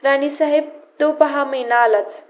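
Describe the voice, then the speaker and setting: A genial older nobleman from a historical storybook, courteous and warm, read by a woman with a high voice. The recording is a little dull. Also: fairly even intonation, measured pace. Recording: slightly muffled lo-fi audiobook audio.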